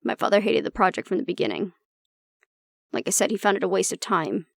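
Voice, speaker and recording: In an intimate audio roleplay, a woman voices an exasperated female agent venting about her stubborn, disapproving father. Her creaky, mid-pitched voice is recorded close and dry, and she speaks bluntly and sardonically, swearing as if confiding in one listener. The delivery is very animated and brisk, yet reflective and explanatory in mood.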